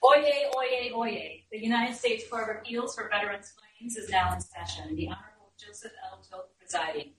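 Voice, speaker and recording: A woman's voice: mid-range voice, moderate pace, few pauses, background noise. Distant, echoey woman court crier. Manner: formal and declamatory. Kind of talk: ceremonial courtroom call to order.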